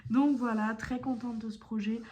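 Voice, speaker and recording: Chatty woman with a soft, mellow voice. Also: fairly high pitch, steady tone, moderate pace. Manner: chatty, rambling, many fillers and self-corrections. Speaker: cross-stitch video creator. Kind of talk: casual chat showing stitching projects.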